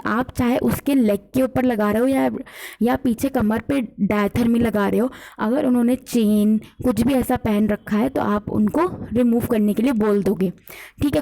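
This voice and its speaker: A physiotherapy teacher with an Indian accent gives an exam revision lecture, going point by point, blending scripted material with casual explanation and often checking in with listeners. Her fairly high voice is creaky and warm, though the audio quality is poor.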